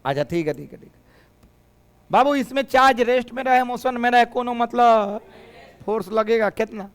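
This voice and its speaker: A man's voice: very high voice, moderate pace, clear, resonant tone. A middle-aged man teaching physics in a classroom, with a Bhojpuri-tinged Hindi accent, teasing students and drilling them in call-and-response. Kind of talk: lively classroom lecture.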